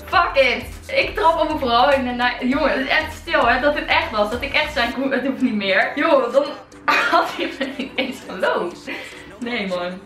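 A woman's voice: high-pitched, moderate pace, a bit bright, distant mic. A teenage Dutch girl vlogging casually, giggly and nervous as she pranks people by text, often swearing. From Netherlands. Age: teens. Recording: roomy, from the mic, music behind.

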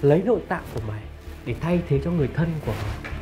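A man playing a cruel male kidnapper and bully who sneers and shouts threats. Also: fairly high pitch, expressive, racing, soft background music, natural voice. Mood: menacing. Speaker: kidnapper villain, then rude customer. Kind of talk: web drama acting.

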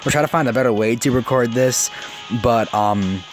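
A nineteen-year-old man giving casual game commentary, excitable and prone to stutter, speaking very close to a phone microphone. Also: mid-range voice, normal speed. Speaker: gaming video maker. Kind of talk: casual live commentary on mobile game summons. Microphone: phone, very close to the mouth. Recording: close-miked phone recording, music behind. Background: game music.

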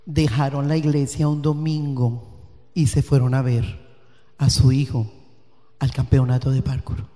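A woman pastor preaching with passion, her voice swinging from hushed to loud and emphatic. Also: very deep voice, long reverb tail. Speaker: guest pastor. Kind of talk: sermon. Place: church.

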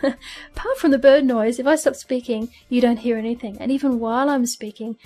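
Woman tutorial host, chatty, self-laughing, slightly high voice, faint music under. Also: steady tone, brisk, warm tone. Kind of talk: casual screen-recorded tutorial. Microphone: desk microphone with audio filters. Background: fan hum and birds.

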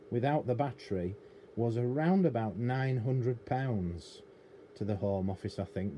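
In a dark, medium-pitched voice, a middle-aged British radio technician and hobbyist presenter explains hands-on work at his cluttered indoor electronics bench. The talk is unscripted, rambling and matter-of-fact, and room noise can be clearly heard behind his voice.

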